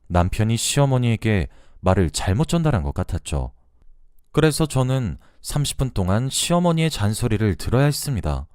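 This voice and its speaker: Male narrator, low-pitched and animated, confiding first-person telling, dry sound. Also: no room sound. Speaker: story narrator.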